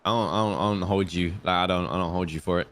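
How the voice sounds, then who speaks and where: A man's voice: sits low, steady tone, quick pace, a bit bright. A man chatting casually in a game roleplay, understated and conciliatory. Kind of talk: casual in-character gaming roleplay chat.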